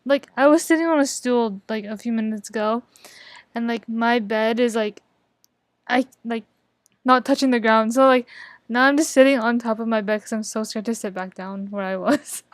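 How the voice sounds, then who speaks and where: A woman's voice: fairly high pitch, steady tone, normal speed, no room sound. Chatty young woman, dry close sound. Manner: jittery, chatty, giggly. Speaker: streamer. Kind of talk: casual chat on a livestream.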